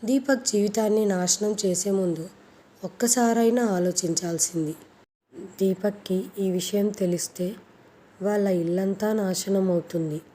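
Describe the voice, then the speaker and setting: A woman narrating a scripted first-person story in a steady, plaintive way. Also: mid-range voice, a little hiss or hum.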